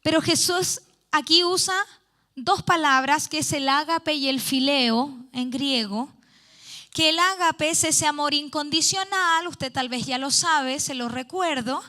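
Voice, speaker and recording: A woman's voice: sits high, measured pace, sharp tone. A woman preaching a youth sermon in church, reading scripture aloud and explaining it earnestly. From Chile.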